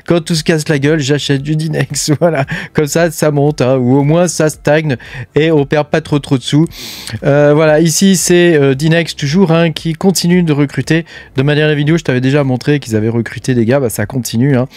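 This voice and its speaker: Casting note: a man hosting, fairly high voice, casual chatty roundup, dry close mic. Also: steady tone, normal speed, a little mellow, dry recording. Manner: chatty, frequent filler tags and hesitations. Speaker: crypto mining channel host.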